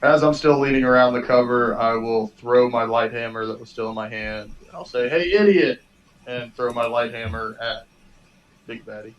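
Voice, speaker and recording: A man with a mid-pitched voice chats casually as he works out his move in a tabletop game. There is faint noise behind him. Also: level tone, normal speed, muffled recording.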